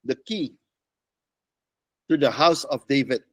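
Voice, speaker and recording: A middle-aged male pastor teaching a discipleship class in casual slang, teasing his listeners with rhetorical questions and swinging between loud and soft. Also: mid-range voice, slow pace, husky, no echo. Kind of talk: animated sermon teaching. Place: church classroom.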